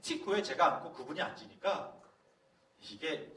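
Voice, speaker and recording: A middle-aged man, a pastor, telling a story to a youth leaders' camp in a lively, storytelling way. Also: a little high, moderate pace. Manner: animated storytelling, acting out quoted voices. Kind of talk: sermon-style talk at a youth leaders' camp. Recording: roomy hall from a distance, faint background noise.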